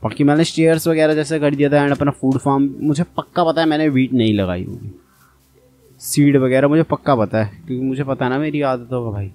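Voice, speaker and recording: A man's voice: mid-range voice, brisk, darkish tone. A young man giving casual, chatty commentary on his own gameplay and talking straight to his viewers. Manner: chatty, addresses viewers as brother. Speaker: gaming channel host.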